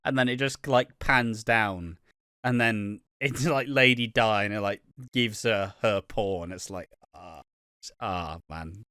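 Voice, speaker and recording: Speaking slowly in a lowish voice that's pushed and bright yet smooth, this British co-host discusses a TV soap on a casual podcast. He acts out what the characters say and doesn't hold back on swearing. There's no room sound, and the quality is studio level.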